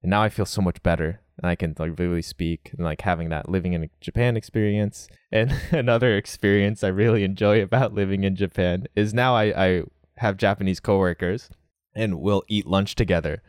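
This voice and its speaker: A young man in a casual interview, talking about learning Japanese, relaxed, often laughing and saying "like". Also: low-pitched, a little fast, smooth, no room sound, clean studio sound.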